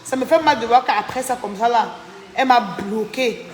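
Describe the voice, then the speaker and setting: A woman's voice: on the high side, normal speed, echoey room, big-room sound, slight background noise. Tired, chatty woman on a live stream. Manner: chatty, reads out viewer names, indignant. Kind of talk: casual live-stream chat.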